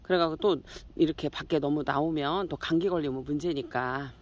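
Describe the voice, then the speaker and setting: A woman filming her cats outdoors on a hillside near a road, baby-talking to them and explaining calmly to viewers. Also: sits low, a little fast. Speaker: cat owner filming her pets. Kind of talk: casual outdoor vlog narration.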